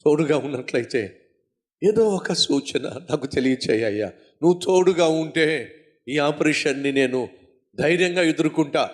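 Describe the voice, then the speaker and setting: A man's voice: fairly high pitch, lightly acted. A frightened male patient pleads in prayer before his operation, voiced by a man preaching. He sounds plaintive, lonely and begging.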